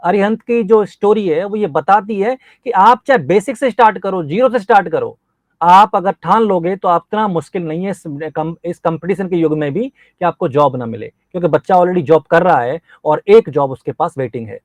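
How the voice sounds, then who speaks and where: A man's voice: high-pitched, moderate pace, no room sound. Encouraging male coach, dry close sound. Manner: earnest, encouraging, speaks like a teacher. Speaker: nursing exam coach interviewing a topper. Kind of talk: motivational interview.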